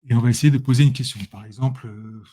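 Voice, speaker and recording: A man's voice: mid-range voice, steady tone, quick pace, mellow, a little hiss or hum. Male presenter, casual screen-share tutorial, chatty and self-correcting, addresses viewers directly. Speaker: presenter demonstrating software.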